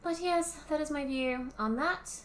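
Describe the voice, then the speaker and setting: A woman in her twenties with an Australian accent, co-hosting a podcast in casual chat, talkative and quick to laugh. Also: high-pitched. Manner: chatty, laughs often, lots of ums. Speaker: podcast co-host. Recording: roomy with faint ambient noise.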